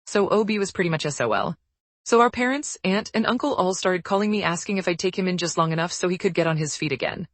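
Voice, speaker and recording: A woman narrating forum posts aloud in a brisk, even storytelling read. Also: on the low side, no room sound.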